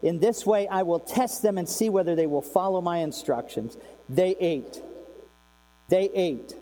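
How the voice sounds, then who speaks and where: A man preaches to his congregation in a high but mellow voice, talking to them directly and firing off rhetorical questions. He swings from loud bursts to quiet asides. His voice carries a long reverb over a faint mains hum. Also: a little slow. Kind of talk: sermon.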